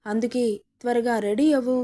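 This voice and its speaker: A woman's voice: fairly high pitch, fairly even intonation, moderate pace, warm tone, close to an everyday voice. Surya, a smug possessive kidnapper, read by a woman. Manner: sneering, coaxing. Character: possessive young male kidnapper, smug and menacing.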